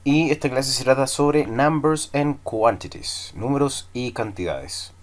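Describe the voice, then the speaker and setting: A man with a Chilean accent teaching a recorded English class, leading slow repeat-after-me drills and switching between English and Spanish. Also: mid-range voice, lively intonation, a little hiss or hum.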